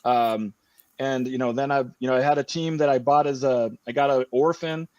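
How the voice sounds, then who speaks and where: A man's voice: mid-range voice, steady tone, normal speed, a little mellow, no echo. A man chatting casually as a podcast guest, circling back on his own words with frequent fillers and restarts. His voice comes through dull and lo-fi over a video call. The sound is dry, with no room around it. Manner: rambling with many restarts and fillers. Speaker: guest fantasy football player. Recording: dull lo-fi remote audio.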